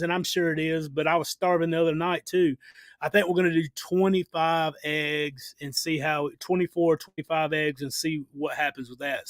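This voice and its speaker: A man's voice: on the high side, dry recording. A man hosting a casual live Q&A, giving plain-spoken advice in a rambling way, with many restarts and fillers. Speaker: livestream host answering viewer questions.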